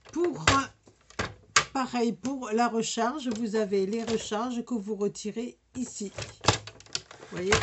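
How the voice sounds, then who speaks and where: A woman's voice: medium pitch, heavy background noise. A woman with a regional French accent demonstrating a sticker machine in a casual, hesitant way, full of fillers and restarts. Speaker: crafting demonstrator.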